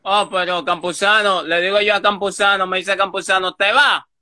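A man telling a story fast in a casual chat, acting out the quoted lines. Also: sits high, level tone, bright, forceful tone.

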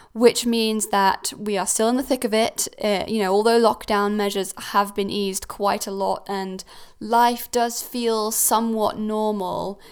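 A young woman raised in Switzerland talks through a relaxed solo podcast episode at home. Her voice is smooth and clear with a steady rasp of fry at the ends of phrases. She rambles comfortably, dropping ums and correcting herself mid-sentence. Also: medium pitch. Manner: chatty, with frequent ums and self-corrections. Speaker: podcast host. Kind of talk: casual solo podcast talk. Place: new house.

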